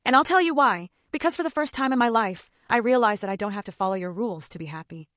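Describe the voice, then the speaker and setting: A woman's voice: a little high, expressive, quick pace, a bit bright, dry recording, clean studio sound. A woman voicing a grown son who speaks to his mother in a firm, direct way.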